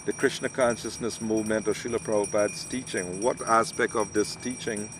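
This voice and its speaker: A man hosting an interview, asking questions in a measured way with hesitant restarts. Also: fairly low pitch, steady tone. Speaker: host. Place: outdoors, in hills. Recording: noisy outdoor recording.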